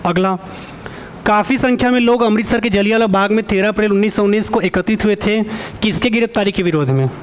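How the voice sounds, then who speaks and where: A male teacher giving an online exam-prep lecture. He keeps quizzing the students for answers, often stops to check with a quick "okay", and corrects himself as he goes. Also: sits high, smooth.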